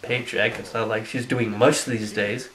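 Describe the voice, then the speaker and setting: A man's voice: lowish voice, fairly even intonation, a little slow, a bit bright. A man narrating a scripted film review in a dry, sarcastic way. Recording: roomy echo.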